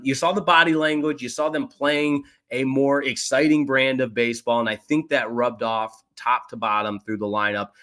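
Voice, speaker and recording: A young man hosting a solo sports podcast, recapping the weekend's games in an animated, self-deprecating way with quick asides. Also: on the low side.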